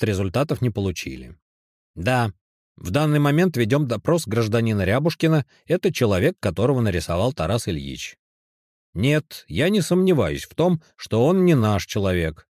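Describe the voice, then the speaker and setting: A man's voice: medium pitch, sing-song, normal speed, darkish tone, no room sound, clean studio sound, pitched above the performer's own voice. A man voicing a stern, weary male police lieutenant speaking in an official tone. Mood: reporting.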